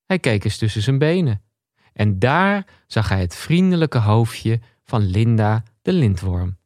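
A man reading a comic story he wrote himself, in a deliberate storybook narration. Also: fairly low pitch, big pitch swings, a little mellow, no echo, clean studio sound. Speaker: comedian reading his own story.

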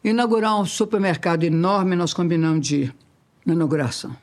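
Uma mulher de oitenta e poucos anos com sotaque mineiro, contando casos de forma animada e imitando as vozes das pessoas. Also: female voice, fairly low pitch, a little fast. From Ubá, Minas Gerais, Brazil. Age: 80s. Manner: lively, laughing, acts out quoted voices. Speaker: interviewed singer, twin sister. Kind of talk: casual storytelling.

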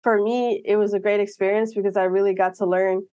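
An earnest woman in her thirties from Miami, talking as an interview guest. She speaks in an animated way and keeps restarting her phrases. The recording is dry and close. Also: mid-range voice, fairly quick, no echo. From Miami, United States. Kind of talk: casual interview conversation.

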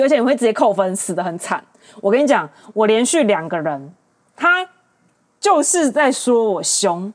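Exasperated and animated, this late-twenties woman hosts a podcast, ranting her way through casual dating advice in a Taiwanese Mandarin accent. Her pitch is a little high.

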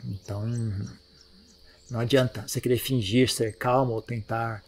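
Man giving a calm Buddhist talk. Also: mid-range voice, moderate pace, slight background noise. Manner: relaxed, conversational, frequent tag questions. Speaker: Buddhist teacher. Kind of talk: dharma talk. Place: monastery.

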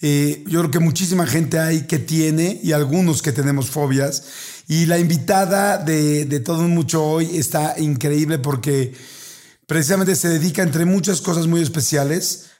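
A man hosting a casual podcast, his voice a touch higher than most men's. He greets his listeners in a cheerful, sing-song manner and introduces guests with easy enthusiasm. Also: moderate pace, a little mellow. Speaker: podcast host. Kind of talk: casual chat.

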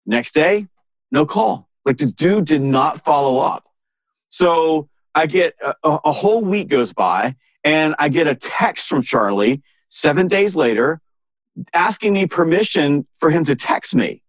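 Man, podcast guest, higher-pitched, dry close sound; punchy, exasperated storyteller. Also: a little slow, no room sound. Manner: emphatic, animated anecdotes with exasperated rhetorical questions. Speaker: sales author and interview guest.

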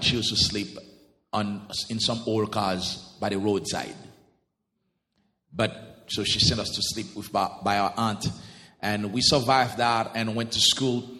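Haitian guy in his 30s telling his story slow and earnest, lowish voice, big echoey church. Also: sharp tone. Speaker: guest pastor. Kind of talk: interview testimony in church.

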